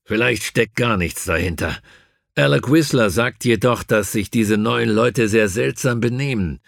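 A man voicing a stiff, irritable older army officer in an audiobook, brisk and gruff. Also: mid-range voice, dry recording, clean studio sound.

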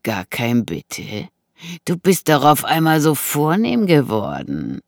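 An audiobook narrator voicing a menacing man with a knife, who taunts slowly and mockingly. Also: mid-range voice, expressive, no echo, studio quality. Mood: taunting. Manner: slow, taunting, drawn-out delivery.

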